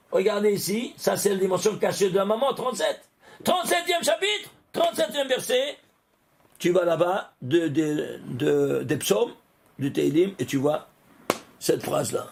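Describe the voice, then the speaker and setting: A man teaching a Torah lesson as a rabbi, lively and questioning, talking straight to his listeners. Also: high-pitched, normal speed, gravelly. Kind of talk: animated Torah lesson with gematria.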